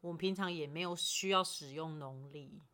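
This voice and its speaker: A Taiwanese woman guests on a podcast with a fairly low, bright voice. She chats casually and often chimes in with quick agreement. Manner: chatty, frequently chiming in with agreement.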